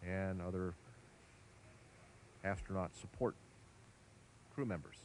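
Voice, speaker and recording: Low-voiced male launch commentator. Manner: measured, formal. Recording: faint background noise.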